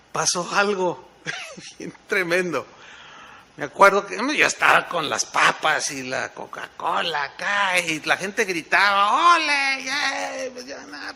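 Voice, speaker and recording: A man preaching a sermon with a Mexican accent, telling a lively personal story and often checking in with his listeners through questions. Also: high voice, normal speed, creaky. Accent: Mexican Spanish. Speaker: pastor.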